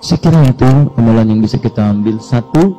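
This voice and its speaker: A man preaching a sermon, swinging between high urgent appeals and hushed low prayers. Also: lively intonation, fast talker, soft background music.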